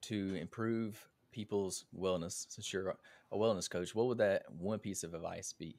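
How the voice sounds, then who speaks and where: A man's voice: low-pitched, steady tone, moderate pace, a little mellow, no room sound. A man hosting a podcast interview, talking in an earnest, conversational way about his own habits. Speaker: podcast host.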